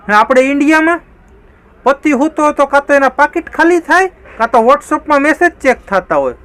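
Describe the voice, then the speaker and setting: A young married man hosting a comedy channel, telling jokes in a lively monologue and voicing the people in them. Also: extremely high pitch, heavy background noise. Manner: lively storyteller, slips into voiced quotes.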